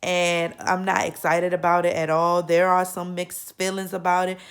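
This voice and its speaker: A woman's voice: fairly low pitch, completely flat delivery, moderate pace, clean tone. A young adult woman vlogging casually while congested from a cold, rambling with fillers and frequent self-corrections. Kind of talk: casual opinion vlog.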